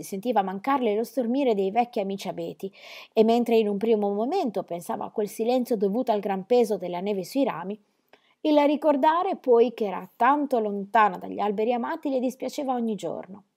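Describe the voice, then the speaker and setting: A woman reads a classic children's story aloud, narrating with expressive storytelling. Her pitch moves in a lively, animated way through each sentence. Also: brisk. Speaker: reader. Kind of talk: audiobook reading of a children's novel.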